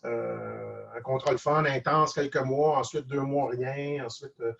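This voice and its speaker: Over a dull, lo-fi video call, a guest cartoonist and animator with a Quebec French accent gives reflective advice in a relaxed interview. His mid-range voice is steady and measured, a bit bright with vocal fry, and he speaks hesitantly, frequently repeating words.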